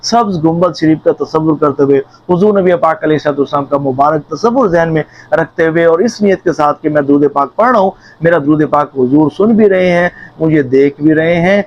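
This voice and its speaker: A man's voice: fairly high pitch, hardly any pauses, highs cut off. A man preaching earnestly to viewers as a religious speaker, repeating phrases for emphasis.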